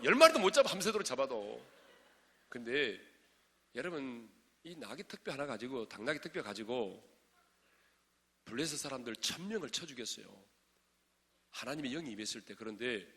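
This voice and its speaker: A male pastor preaching to a congregation, swinging from shouted exhortation to hushed asides and quizzing his listeners. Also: mid-range voice, creaky. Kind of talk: sermon at a prayer meeting. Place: large church sanctuary. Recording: long reverb of a large church hall.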